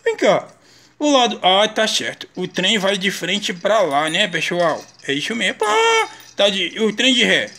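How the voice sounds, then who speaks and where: A young Brazilian father in clown makeup, talking playfully to viewers and coaxing his small son, laughing often and jumping into high sing-song calls. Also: expressive, measured pace, sharp tone. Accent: Brazilian Portuguese. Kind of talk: casual home video talking to viewers. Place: at home with a small child.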